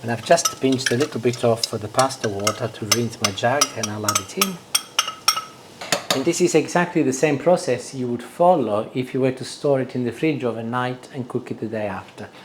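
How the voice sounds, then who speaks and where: A man's voice: mid-range voice, normal speed. A man chatting casually as he demonstrates cooking, savouring the food. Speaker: cooking show host. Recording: clear background noise, kitchen clatter.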